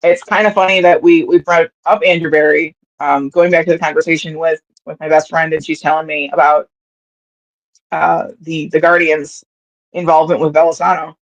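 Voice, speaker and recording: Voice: mid-range voice, little pitch movement, normal speed. A podcast co-host telling a story in casual sports chat, rambling with fillers and restarts. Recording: dull, slightly lo-fi audio.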